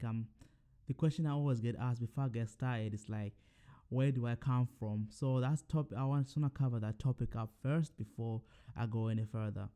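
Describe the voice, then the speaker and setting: On his own podcast, a young Zimbabwean-born man holds a relaxed solo monologue in a mellow, smooth, mid-range voice. He rambles and restarts, dropping lots of ums and quick self-corrections.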